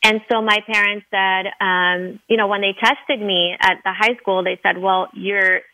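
An Arabic-speaking dentist from Lebanon, middle-aged, earnestly narrates her experiences as an interview guest, leaning on many fillers. Her mid-range voice is pushed and bright with fairly even intonation and an unhurried pace; there's no room sound, but the recording quality is low.

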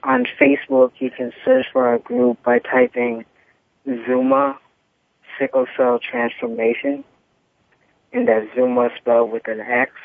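A woman guest giving an announcement in an interview, deliberate and spelling things out. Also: on the high side, sing-song, vocal fry. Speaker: guest giving contact details. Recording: narrow phone-like line.

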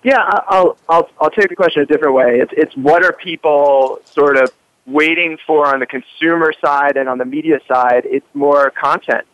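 A man's voice: a little high, steady tone, moderate pace, a bit bright, no echo, lo-fi sound. A man speaking casually as an interviewed correspondent, conversational and peppered with "like" and "you know". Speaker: roving correspondent, interview guest.

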